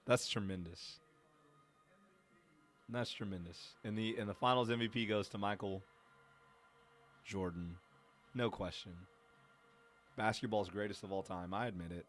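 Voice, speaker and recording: A man hosting a live watch-along podcast, giving chatty, excited commentary and talking to his listeners. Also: fairly low pitch, unhurried, long pauses, soft background music. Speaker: podcast host.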